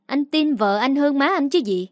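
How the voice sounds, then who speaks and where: A woman's voice: sits high, lively intonation, normal speed, a little mellow, dry recording, clean studio sound, pitched above the performer's own voice. A woman voicing a scolding, sarcastic middle-aged mother-in-law in a read story. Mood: scornful.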